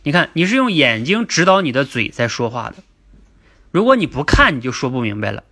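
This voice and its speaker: Guy coaching a speaking class on a livestream, bright voice, asks himself questions n answers them. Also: medium pitch, sing-song. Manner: explanatory, asks and answers his own questions; repeats key definitions slowly. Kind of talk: livestream lecture.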